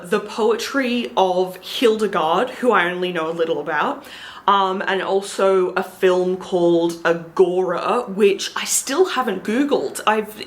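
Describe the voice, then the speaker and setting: A young woman talks slowly to camera, her voice sitting a little low as she rambles earnestly through a story. She fills the gaps with ums and likes, and a faint hiss sits under the recording. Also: a bit bright, poor audio. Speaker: vlogger.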